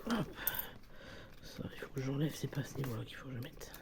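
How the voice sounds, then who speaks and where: A budgeting vlogger with a French accent and a cold chats casually and hesitantly while filling budget envelopes, full of fillers and self-corrections. Her rumbling low voice is animated and brisk with vocal fry, over a noisy background.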